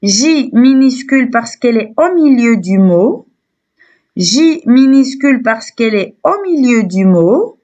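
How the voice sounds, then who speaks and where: A woman's voice: a little high, lively intonation, a little slow, dark tone, lo-fi sound. A woman teacher with a Tunisian French accent gives a phonics lesson to young children. She spells letters aloud and repeats each syllable several times. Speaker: primary school teacher.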